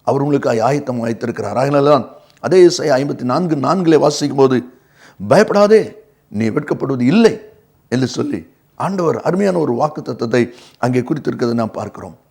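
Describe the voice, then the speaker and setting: A Tamil-accented man preaching a devotional sermon for television. His voice sits somewhat high for a man and swings widely in pitch. He repeats key lines for emphasis. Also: lively intonation, a little fast, gravelly, a little mellow, husky.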